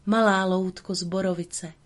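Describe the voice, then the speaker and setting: Gentle fairy lady speaking soft and solemn, storybook read-aloud, woman doing it. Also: mid-range voice, fairly even intonation, close to an everyday voice. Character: gentle, graceful female fairy. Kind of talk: storybook reading.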